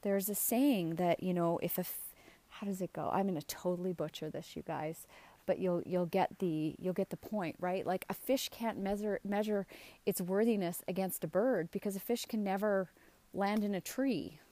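A woman's voice: mid-range voice, moderate pace, mellow, no echo. A middle-aged woman giving a casual, earnest motivational talk as a coach, speaking out of the side of her mouth and checking in with emphatic questions. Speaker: self-esteem coach hosting a show.

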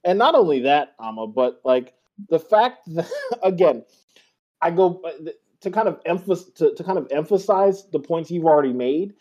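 A football podcast co-host talks bluntly and emphatically in casual chat, swearing as he goes. His voice is fairly high and a little mellow, with lively intonation at a normal speed. The lo-fi audio is slightly dull.

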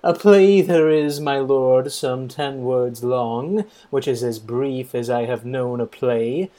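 Woman as a slow, mellow, dry courtier. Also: very deep voice. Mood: wry, disdainful. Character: Philostrate, dry courtly master of revels. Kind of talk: Shakespearean radio play acting.

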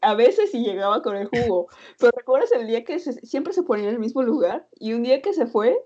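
A young woman with a Mexican accent, telling stories in an animated, slangy way as podcast co-host. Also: on the high side, brisk. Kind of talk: casual chat. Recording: dull lo-fi sound.

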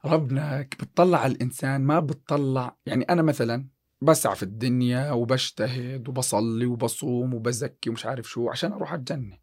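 Guy rattling on quick and husky on a podcast, preachy, lots of restarts. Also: mid-range voice, darkish tone. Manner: preachy, quotes scripture, many restarts. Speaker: podcast guest, chemistry teacher. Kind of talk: casual podcast chat.

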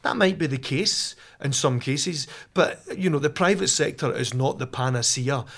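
Gravelly Scottish man in chat. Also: medium pitch, normal speed. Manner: animated, voices imagined dialogue. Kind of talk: casual chat.

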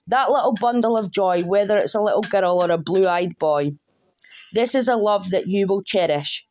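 A woman reads her own verse in a mid-range voice, keeping a steady rhythm with a dry, wry edge. A faint hiss of background noise and small clicks sit under the recording. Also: medium pitch. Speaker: guest poet. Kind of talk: reading her own poem aloud.

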